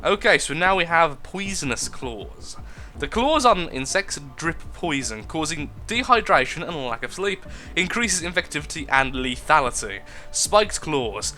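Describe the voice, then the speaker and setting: Young guy rambling over gameplay, bright voice, jumps up and down a lot, quiet music behind. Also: fairly high pitch, very animated, a little slow. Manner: chatty, jokey, reads game text aloud. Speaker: gaming video host. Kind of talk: casual gameplay commentary.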